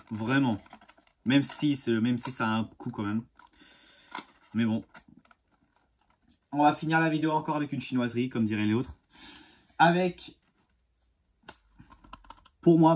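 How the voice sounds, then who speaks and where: Husky, enthusiastic man collector. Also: mid-range voice, darkish tone. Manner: enthusiastic and halting, with many fillers and restarts. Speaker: die-cast model car collector and channel host. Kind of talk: casual unboxing vlog.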